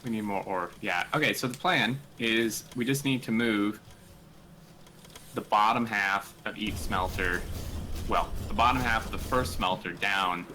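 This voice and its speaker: A man's voice: lowish voice, a little slow, bright, forceful tone. A man chatting casually with fellow players during a multiplayer game. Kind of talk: casual chat during gameplay. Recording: faint background noise.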